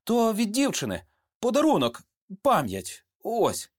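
A man's voice: sits high, huge pitch swings, a little slow, pitched above the performer's own voice, full character voice. A man voicing a nervous young student paratrooper. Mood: shy. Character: young male student paratrooper, nervous but trying to stay composed.

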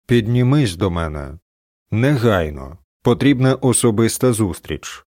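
Brief: a man playing a solemn, commanding senator, lowered voice, slow and weighty, dry close recording. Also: very animated, a little mellow, no echo. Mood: grave. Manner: grave, measured, commanding. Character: stately older male senator in a toga.

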